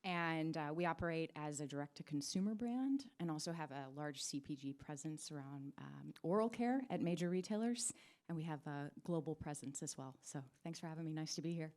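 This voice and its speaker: Composed, low-voiced businesswoman. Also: animated, fairly quick, darkish tone. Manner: composed and fluent. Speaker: brand strategy executive. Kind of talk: panel self-introduction. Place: conference stage with audience.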